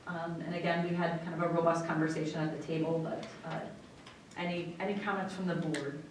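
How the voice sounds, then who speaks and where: A woman's voice: level tone, a little fast. A woman with an American accent giving an explanatory report at a meeting as a school superintendent. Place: indoor meeting room. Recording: echoey room, far mic, faint rumbling noise.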